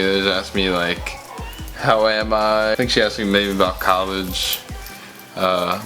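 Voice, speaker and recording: A man's voice: sits low, sharp tone. A young man chatting casually, laid-back, giving short dry replies. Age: young adult. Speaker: boyfriend guest. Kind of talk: casual chat.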